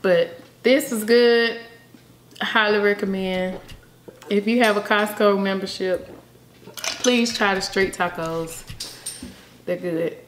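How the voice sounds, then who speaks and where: A woman's voice: mid-range voice, steady tone, takes it slowly, pauses often. Woman vlogging at home, chatty and upbeat, lots of ums, echoey room. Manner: chatty, upbeat, filler-heavy. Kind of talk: casual mukbang chat. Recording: echoey room with faint hiss.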